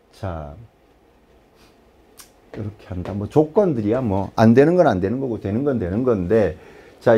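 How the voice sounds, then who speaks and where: A man's voice: medium pitch, warm tone. A man teaching a math lesson in a casual, chatty way, often checking with the class. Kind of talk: lecture.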